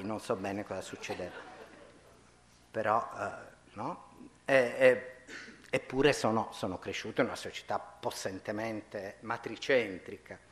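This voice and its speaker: A man, giving a lively stage talk, addressing the audience and often restarting his sentences. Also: medium pitch. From Sardinia. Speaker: speaker on stage. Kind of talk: stage talk with read-aloud passages.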